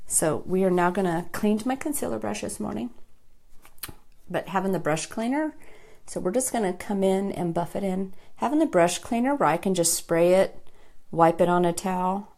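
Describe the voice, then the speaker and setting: A chatty woman hosts a relaxed makeup tutorial live stream and talks to her viewers as she goes. Her voice has a gravelly edge, and her pitch moves up and down a great deal. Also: moderate pace. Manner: chatty, talks to viewers by name while working. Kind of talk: casual makeup tutorial chat.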